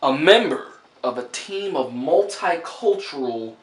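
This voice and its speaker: A man's voice: fairly high pitch, lively intonation, measured pace, echoey room. A man giving a casual, joking movie review in a laid-back, rambling way.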